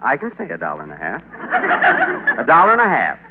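Brief: polite, flustered angel; animated upper voice, old lo-fi radio with heavy hiss. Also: male voice, fairly high pitch, moderate pace. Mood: naive. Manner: innocent, polite, easily flustered. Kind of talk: 1940s radio acting. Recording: tinny old radio broadcast with loud hiss.

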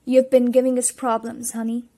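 Loud, hissing villainess, put on by a woman reading a storybook, a female monster posing as a strict teacher. She sneers her threats in a somewhat high voice and pushes her lines hard. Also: level tone, normal speed, natural voice. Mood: menacing.

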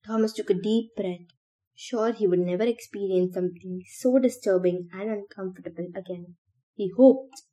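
A woman reading a novel aloud for a podcast in a steady, measured way. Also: mid-range voice. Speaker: podcast reader.

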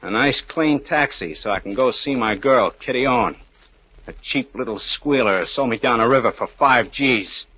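A sneering escaped killer. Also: male voice, on the low side, animated, moderate pace, husky, exaggerated voice. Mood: mocking. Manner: taunting, sneering, sometimes hushed and whispering. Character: menacing escaped male killer, bitter and cruel. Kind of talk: 1940s radio acting. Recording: dull old radio broadcast recording.

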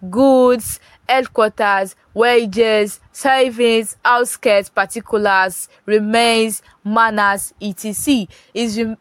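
A woman's voice: fairly bright tone, smooth, dry recording. Female teacher, voice-note grammar lesson, dry close sound, patient and repetitive. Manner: repeats points, checks in with "Do you understand?"; rises in pitch when stressing contrasts. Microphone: phone voice note.

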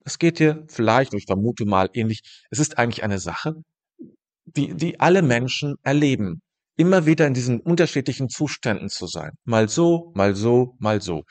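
A man teaching about meditation in a calm, thoughtful way, speaking directly to the listener and pausing to rephrase his ideas. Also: medium pitch. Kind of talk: reflective spoken teaching monologue.

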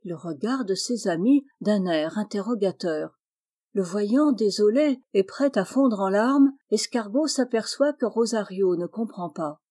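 Lady reading a kids' storybook, clear and expressive, warm mellow voice. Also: mid-range voice, measured pace.

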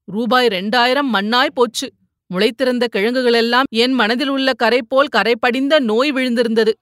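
A woman's voice: fairly high pitch, fairly even intonation, moderate pace, fairly bright tone, no room sound, clean studio sound, close to an everyday voice. A woman voicing a remorseful young man who pleads tearfully for forgiveness, in an audiobook reading.

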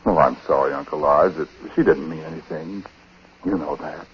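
Low-voiced, troubled husband telling his story. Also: moderate pace, slightly rough, heavily acted. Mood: anxious, gentle. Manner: hesitant, conversational, breaking off and repeating words. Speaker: actor and narrator in a radio drama. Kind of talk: 1940s radio acting, first-person confessional narration. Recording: muffled, noisy 1940s radio recording.

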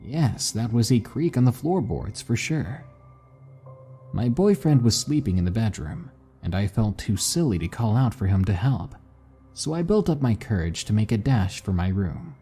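A man narrating spooky stories in a slow, hushed, dramatic way. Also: lowish voice, big pitch swings, husky, faint music behind. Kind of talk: scripted story narration.

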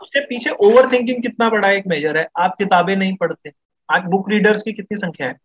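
Man, high voice, slightly dull recording, long rambling explanations with fillers. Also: brisk. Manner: explains at length, Hinglish mixing, frequent fillers. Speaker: podcast guest. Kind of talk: casual podcast discussion.

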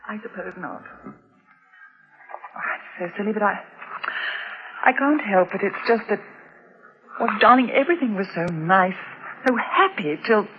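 A woman's voice: medium pitch, expressive, measured pace, pauses often, noisy background, close to an everyday voice. An actress playing a worried young mother who narrates her story and talks hesitantly, breaking off mid-sentence, in a 1960s radio drama. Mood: anxious. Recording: dull lo-fi 1960s radio recording.

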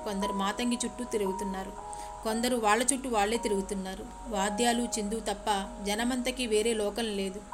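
Expressive woman storyteller over faint music. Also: mid-range voice. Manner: vivid, expressive narration with sound words. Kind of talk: storytelling narration.

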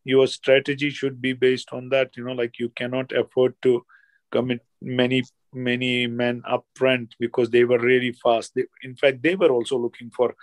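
Indian man, halting football pundit, dry sound. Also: medium pitch, little pitch movement, no room sound. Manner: halting, repetitive, frequent "you know". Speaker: football pundit, guest analyst. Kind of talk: casual sports analysis chat.

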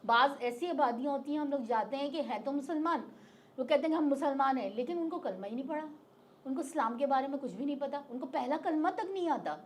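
A woman's voice: sits high, animated, quick pace, a little hiss or hum. A middle-aged woman recounting a personal experience in casual, vivid detail as an interview guest. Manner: vivid, detailed retelling with acted-out quotes. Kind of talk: casual spoken storytelling.

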